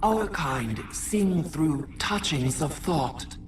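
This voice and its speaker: A woman voicing an ancient, mournful insect hive queen in a video game, speaking in halting, cryptic, solemn phrases through a host. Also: sits low, expressive, heavily acted. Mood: mournful, eerie. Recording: distant voice with clear noise.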